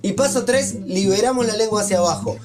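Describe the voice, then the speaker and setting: A man teaching body percussion, explaining each step clearly in a tutorial. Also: high voice, a little fast, over music. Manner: clear step-by-step explaining, vocalizing rhythm syllables. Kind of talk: instructional tutorial.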